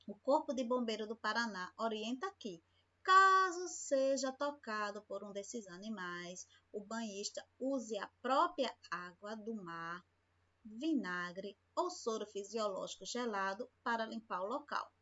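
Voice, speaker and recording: Brazilian lady teacher doing a remote kids science class, bit of a high voice, muffled lo-fi sound, keeps asking if everyone's got it. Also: lively intonation, pushed and bright. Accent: Brazilian Portuguese. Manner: explains slowly, checks in with "tá bom?". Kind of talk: remote science lesson for children. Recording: lo-fi home recording.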